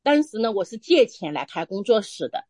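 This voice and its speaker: A woman's voice: medium pitch, big pitch swings, a little mellow, dry recording. Earnest woman sharing a faith testimony. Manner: earnest, halting with frequent restarts. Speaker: church member sharing testimony. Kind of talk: personal testimony in conversation.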